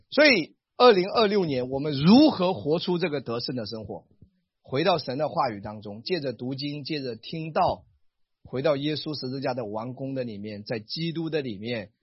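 Guy pastor preaching, husky highish voice, dry kinda dull sound. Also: no room sound. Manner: animated preaching, acts out quoted lines. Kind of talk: sermon.

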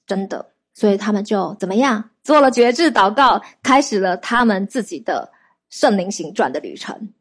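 A woman preaching a sermon, telling lively testimony stories and throwing rhetorical questions at her listeners. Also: mid-range voice, normal speed, husky.

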